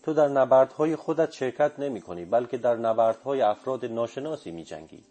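Man reading as an old male sorcerer, calm, blunt, slow and deliberate, mellow low voice, audiobook. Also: faint music behind, lightly acted. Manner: slow, steady, cutting.

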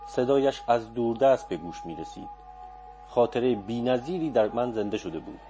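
A man narrates a literary audiobook in a calm, reflective voice. His tone is warm and mellow at an ordinary pitch. Faint music runs beneath the reading.

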